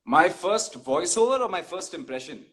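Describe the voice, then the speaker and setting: A man's voice: sits high, sing-song, normal speed, a bit bright. A young man, a voice artist guest, chatting playfully and joking in a casual interview. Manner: playful, joking, many restarts.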